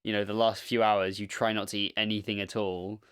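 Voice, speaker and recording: A man's voice: lowish voice, flat delivery, fairly quick, a bit bright, smooth. A young man co-hosting a podcast, chatting casually and animatedly, swearing and laughing often. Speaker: podcast co-host. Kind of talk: casual chat.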